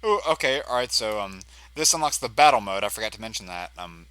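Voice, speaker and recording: A man's voice: fairly low pitch, lively intonation, brisk, fairly bright tone, smooth, dry recording. A man giving casual, reactive live commentary as he plays a video game, often exclaiming. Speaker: gamer doing a live playthrough. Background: video game music and sound.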